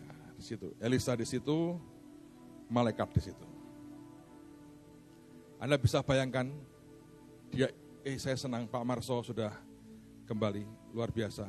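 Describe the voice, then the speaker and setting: A man preaching a sermon in a church, swinging from loud, urgent preaching to hushed storytelling. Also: mid-range voice, a little slow, long pauses, soft background music. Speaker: pastor. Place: church hall with congregation.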